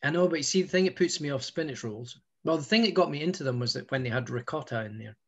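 A man's voice: a little high, fast talker, vocal fry, muffled recording. Rambling Scottish man chatting. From Scotland. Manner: rambling, self-mocking, full of restarts. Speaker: guest musician. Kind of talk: casual chat.

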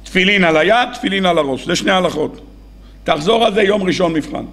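A man's voice: sits high, fairly bright tone. A man voicing a stern, tender old sage. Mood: instructing.

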